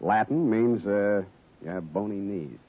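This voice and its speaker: An actor playing a wisecracking, world-weary private detective in a vintage radio drama, with wry, sardonic delivery. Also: male voice, lowish voice, slow, husky. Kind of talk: 1940s radio acting. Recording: tinny vintage radio broadcast.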